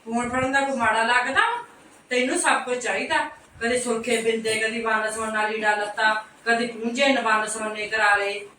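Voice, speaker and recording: A woman's voice: mid-range voice, steady tone, fairly bright tone, lightly acted. A woman playing a grumbling older Punjabi mother-in-law. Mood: scolding. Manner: grumbling, complaining, quick to scold. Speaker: actor in a comic family skit. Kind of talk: comic domestic skit. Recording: roomy, distant, noisy home recording.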